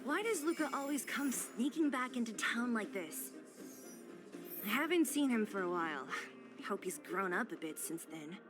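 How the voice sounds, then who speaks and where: A woman's voice: a little high, lively intonation, moderate pace, over music, natural voice. A woman playing a blunt, weary, reluctant young woman as a video game character, with a dry manner. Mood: weary, resigned.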